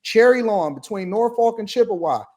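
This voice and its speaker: An insistent man from Detroit in his forties argues hard on a podcast panel. His voice sits a little high for a man, and he repeats his points to keep the floor. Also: animated, normal speed, darkish tone, highs cut off. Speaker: podcast host. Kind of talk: heated panel debate.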